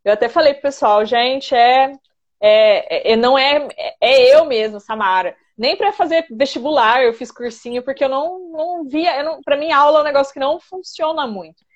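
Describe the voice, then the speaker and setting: A woman's voice: sits high, moderate pace, lo-fi sound. A woman with a Brazilian caipira country accent, chatting informally as an interview guest and often repeating herself. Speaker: interview guest, federal prosecutor. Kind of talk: casual chat, answering questions.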